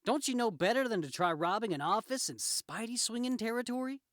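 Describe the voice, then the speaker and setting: In a dry, studio-quality recording, a man reads a comic book aloud in character, pushing his voice very high above his natural pitch. He plays a wisecracking superhero, cocky, taunting and aggrieved, with lively, bright intonation, a fairly quick pace and a theatrical, quippy style.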